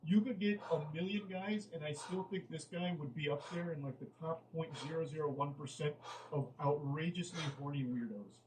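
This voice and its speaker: A man's voice: a little high, moderate pace, distant mic, noisy background. A man giving comedic commentary on a dating app chat he reads out. He sounds incredulous and exasperated and swears freely.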